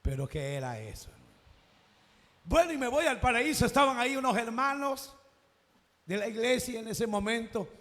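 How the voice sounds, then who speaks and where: A Salvadoran man preaching a sermon, telling a personal story and acting out its conversations, now and then rising to a shout. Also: extremely high pitch, expressive, normal speed, long pauses, long reverb tail.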